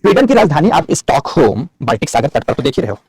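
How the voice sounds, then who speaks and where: A middle-aged man teaches geography over a map, talking fast with a husky, slightly raised voice. He calls his students "beta", answers their questions and dictates headings for their notes. The sound is close and dry. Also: on the high side, very animated, a little mellow, dry recording. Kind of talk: online map lecture.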